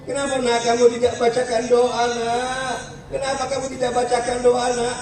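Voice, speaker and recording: Brief: preacher doing a kind, coaxing elder, high voice, roomy and distant. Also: male voice, completely flat delivery, moderate pace, darkish tone, slight background noise. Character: pious man questioning gently, kindly elder. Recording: echoey, far from the mic.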